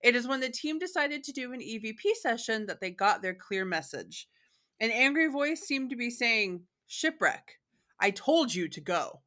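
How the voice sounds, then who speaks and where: A woman's voice: a little high, animated, moderate pace, pushed and bright. Chatty, laughing woman podcast host. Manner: chatty, laughs often, many fillers. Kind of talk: casual chat.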